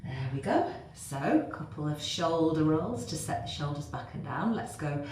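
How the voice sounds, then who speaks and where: Lady fitness instructor talking thru a workout, low voice, bit breathless, really echoey room. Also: animated, moderate pace, a little mellow. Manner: cueing moves while exercising, encouraging. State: getting out of breath. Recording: very echoey room, faint noise.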